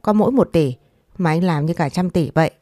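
A woman's voice: fairly low pitch, brisk, warm tone, dry recording, studio quality, natural voice. A woman voicing a spoiled, hot-tempered young wife who quarrels shrilly. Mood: angry.

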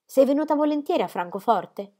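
A woman reading aloud, voicing a gentle, thoughtful twelve-year-old girl who chats softly. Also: high-pitched, lively intonation, fairly quick, voice pushed up. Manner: soft, thoughtful, chatty.

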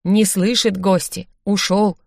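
A woman voicing an old male skeleton butler who creaks out short, broken phrases in a stiff, formal way. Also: medium pitch, steady tone, takes it slowly, dry recording, studio quality. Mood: creaky, formal.

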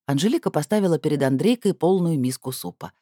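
Woman narrating an audiobook, stern, sardonic, low dark voice, lively pitch, dry close sound. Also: fast talker, no echo. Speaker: storyteller and first-person narrator.

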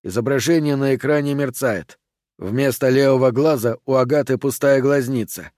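A man narrating a horror audiobook in an even, steady reading voice. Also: mid-range voice, moderate pace, dry recording, clean studio sound.

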